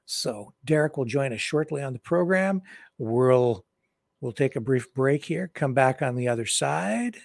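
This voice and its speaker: A man's voice: mid-range voice, lively intonation, a little slow, vocal fry, dry recording. Guy hosting a news show, chatty and wry, dry close mic. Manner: chatty, sardonic, asides to viewers. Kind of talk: casual opinion commentary.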